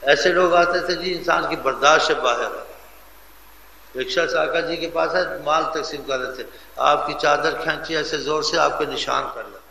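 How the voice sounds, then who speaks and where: Male preacher, gravelly and forceful, emphatic storytelling sermon in an echoey hall. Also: a little high, a little hiss or hum. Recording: echoey hall, faint ambience.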